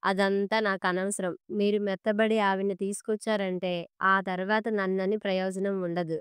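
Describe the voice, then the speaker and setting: A woman's voice: medium pitch, flat delivery, normal speed, smooth, no room sound, studio quality, lightly acted. A woman voicing a quarrelsome middle-aged wife who speaks sarcastically and cuttingly. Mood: scolding.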